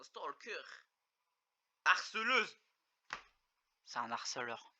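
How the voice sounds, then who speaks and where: A young man casually commenting on videos as a streamer, swearing, joking and exclaiming loudly. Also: medium pitch, sing-song, a little slow, dry recording. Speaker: gaming streamer reacting to videos.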